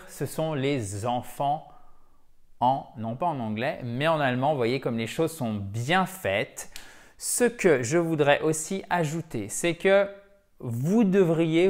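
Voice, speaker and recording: This is an online English teacher with an animated, emphatic delivery, at an ordinary mid pitch. The teacher talks straight to the viewers in a conversational way and repeats words to drill their pronunciation. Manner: addresses viewers directly, conversational. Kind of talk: online language lesson.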